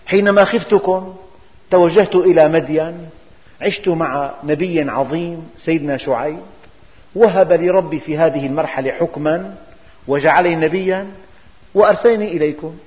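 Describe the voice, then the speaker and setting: A man's voice: a little high, normal speed. A man giving a religious lesson, emphatic and full of rhetorical questions. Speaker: preacher. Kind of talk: religious lesson explaining scripture. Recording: dull recording, long hall reverb.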